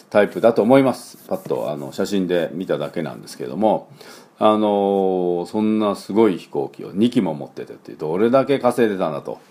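A male English conversation teacher runs a pronunciation lesson in a relaxed, chatty style with a lilt. His fairly low voice swings up and down a lot as he slowly demonstrates sounds for learners to copy, full of fillers between the words.

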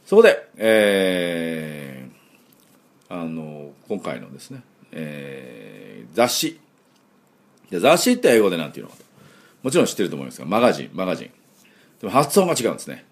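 A middle-aged man teaching English pronunciation in a daily audio lesson. He explains step by step, demonstrates sounds slowly and fills pauses with drawn-out "eh"s. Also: sits low, big pitch swings, vocal fry.

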